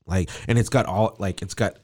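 A man co-hosting a comics podcast in casual chat, chatty and quick to agree. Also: deep voice, fairly even intonation, darkish tone. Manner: chatty, frequent agreeing backchannels. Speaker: podcast co-host.

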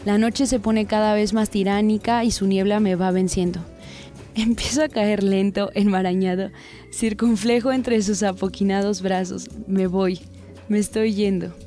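Woman narrator, dramatic story reading, crude slang, mid-range pitch. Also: steady tone, warm tone, soft background music. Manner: crude slang, gritty and unhurried.

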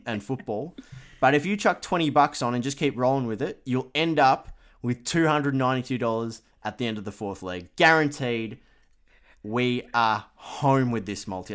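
Australian man, loud matey lad banter. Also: medium pitch. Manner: mock-dramatic, emphatic salesman-like delivery. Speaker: podcast co-host presenting a betting tips segment. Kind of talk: jokey betting-tips banter.

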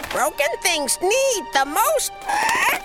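A performer voicing an odd, wise talking bird who speaks in slow, halting sayings in an audio drama with music. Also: very high voice, huge pitch swings, exaggerated voice. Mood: musing.

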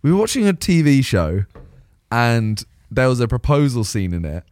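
A man's voice: mid-range voice, very animated, normal speed, a little mellow, no echo, clean studio sound. Laughing young Englishman telling a story. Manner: laughs often, acts out quoted dialogue. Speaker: podcast co-host. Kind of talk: casual chat.

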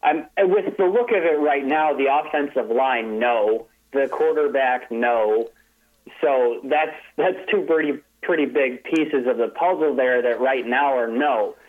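A man calls in as a guest sports writer for some casual analysis of college football, chatty and laughing lightly while often restarting his phrases. His voice is medium-pitched and his pace is measured. He comes through a telephone over a phone line.

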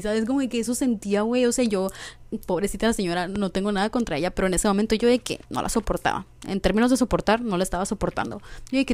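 A woman's voice: mid-range voice, darkish tone. A woman with a Mexican accent hosting a podcast, casually telling a personal story in slangy speech and acting out the dialogue. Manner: slangy, acts out quoted dialogue. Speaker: podcast host.

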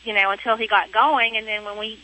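A woman's voice: mid-range voice, fairly even intonation, brisk, bright, forceful tone. A woman from Pennsylvania calling in to a radio show from her car, heard over the phone, chatty and explaining in rambling detail. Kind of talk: casual call-in chat. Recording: dull, lo-fi phone line.

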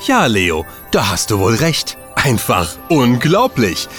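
A man's voice: medium pitch, wildly swooping pitch, takes it slowly, over music. Playful storytelling man. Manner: addresses the listener directly, playful. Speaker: narrator. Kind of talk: scripted children's story narration.

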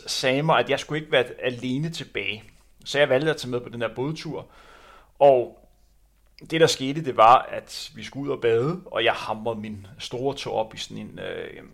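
A man's voice: medium pitch, creaky, fairly bright tone. A man who used to run, telling anecdotes in a rambling way with many fillers. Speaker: former runner telling stories. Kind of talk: casual anecdote chat.

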